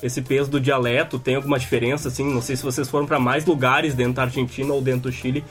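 Southern Brazilian host, rambling questions. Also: male voice, medium pitch, level tone, quick pace, faint music behind. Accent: southern Brazilian Portuguese. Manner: rambling, conversational. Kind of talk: casual podcast interview.

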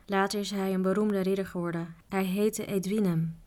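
A woman voicing a curious, eager young mountain boy, at times talking in an excited whisper in a storybook reading. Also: mid-range voice, moderate pace, lightly acted.

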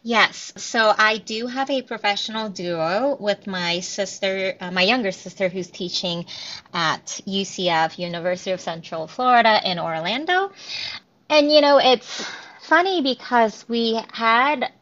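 A woman's voice: medium pitch, measured pace, fairly bright tone. A woman in her thirties, a piano professor, chatting through an interview with many ums and restarts. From Korea, raised in New Jersey. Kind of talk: casual interview answers. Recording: dull lo-fi audio.

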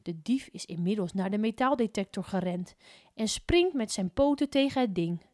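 A woman reading a children's story aloud in an expressive way, slipping into whispers at tense moments. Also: mid-range voice, moderate pace, dry recording, studio quality.

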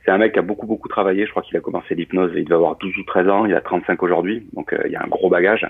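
A man, a coach who used to be a pilot, talks through his training in a loose, explanatory way, full of fillers and restarts. His voice sits low and slightly husky, and he moves at a quick clip. The sound comes through a thin, phone-like line. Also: fairly even intonation. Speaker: guest, coach and former pilot. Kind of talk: casual interview talk.

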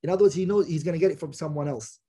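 Guy teaching a scripture class, fast talker, raspy highish voice, repeats phrases and checks you follow. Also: dark tone. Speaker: religious teacher. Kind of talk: Quran exegesis lesson with Arabic recitation and English explanation.

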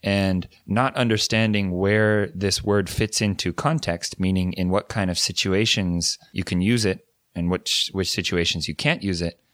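Unhurried and with few pauses, a very low-voiced native English speaker co-hosts a podcast, explaining ideas thoughtfully in a casual educational chat. He keeps circling back to rephrase, and the recording is close and dry with no room sound.

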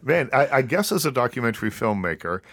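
Chatty and easygoing, the interview host in this casual conversation talks fast, frequently restarts his sentences and laughs readily. His medium-pitched, fairly bright voice swings widely in pitch, and the recording is dry.

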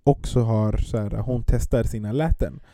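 A man's voice: lowish voice, mellow. A young-sounding man telling a casual story about his baby with lots of fillers, speaking. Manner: laid-back storytelling with frequent fillers. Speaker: parent. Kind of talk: casual chat.

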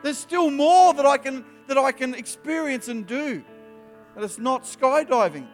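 Man, 50s, youth preacher, high animated voice, long hall echo. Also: a little slow. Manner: animated, emphatic preaching with rising bursts. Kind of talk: sermon to young people. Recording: live hall with long reverb, soft music behind.

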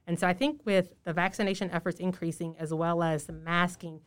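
A woman speaking through a face mask as a health official in an interview, explaining in a measured way and stressing key points. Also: lowish voice, steady tone. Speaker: public health official, podcast guest. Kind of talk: informative podcast interview.

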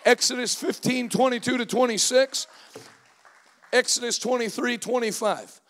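A man in his forties preaching a sermon, energetic and joking, calling out to the congregation for responses. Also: very high-pitched, moderate pace. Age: 40s. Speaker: pastor.

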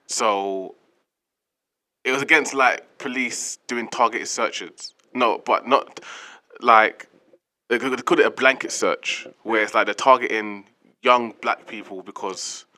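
A man's voice: medium pitch, measured pace, sharp tone. A young man with a London roadman accent and slangy speech, chatting casually as a podcast co-host. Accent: London, urban street slang. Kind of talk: casual group chat.

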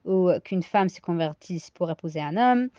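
A woman's voice: lowish voice, lively intonation, dark tone, no room sound. Sick American woman teaching Talmud. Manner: reads each Aramaic phrase, then translates it haltingly with many fillers. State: sick with a cold. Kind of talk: daily Talmud lesson. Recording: dull lo-fi sound.

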